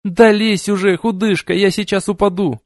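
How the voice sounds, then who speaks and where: A man's voice: high-pitched, steady tone, moderate pace, dry recording, clean studio sound, pitched above the performer's own voice. A man voicing a whiny, easily scared young woman who hisses indignantly. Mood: impatient. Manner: hissing, indignant.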